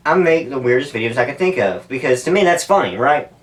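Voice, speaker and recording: A man's voice: mid-range voice, expressive, fast. Guy rambling to camera for his youtube, cusses a bit, honest, mid voice, kinda far from the mic. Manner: profane, candid, meandering. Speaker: YouTuber making stunt videos. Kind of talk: casual rambling talk to camera. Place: indoors at home, sitting in an ice bath. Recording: distant, off-mic camera audio.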